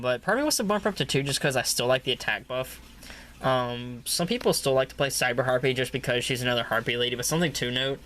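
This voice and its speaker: Casual male deck reviewer with a bright, sharp voice; rambles with fillers and coughs now and then. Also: medium pitch, slight background noise. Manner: rambling, many filler uhs, repeats "really, really". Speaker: card game deck reviewer. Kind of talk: casual deck profile talk.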